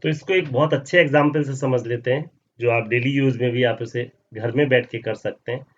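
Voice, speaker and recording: A male science teacher explains a lesson over slides in a brisk, medium-pitched voice with fairly even intonation. He often asks questions and answers them himself, calls his students "beta", and mixes English terms into his Hindi. The audio is slightly dull.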